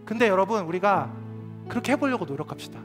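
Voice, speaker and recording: High-voiced earnest male youth preacher. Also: animated, fast talker, faint music behind. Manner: earnest, confessional, speaks to listeners directly. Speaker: youth pastor. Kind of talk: sermon. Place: church youth service.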